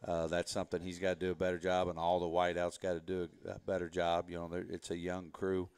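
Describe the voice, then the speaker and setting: A man speaking as a head football coach in a relaxed interview, rambling a bit as he explains. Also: deep voice, fast talker, clean tone. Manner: relaxed, rambling, frequent "you know" fillers. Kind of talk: casual interview talk.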